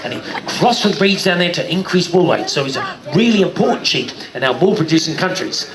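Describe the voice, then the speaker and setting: Higher-voiced New man, jokey showman. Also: animated, fairly quick, a crowd in the background. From New Zealand. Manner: jokey showman, addresses kids and audience. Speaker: sheep show presenter. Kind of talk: live show commentary for a crowd. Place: live show stage before an audience.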